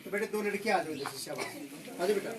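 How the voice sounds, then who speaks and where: A man performs as a kids party magician, keeping up playful, teasing patter full of questions for the children. He is heard at a distance from the microphone, with clear noise over the recording. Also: high voice, fast talker. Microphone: far from the mouth. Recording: distant mic, noisy with clicks and birds.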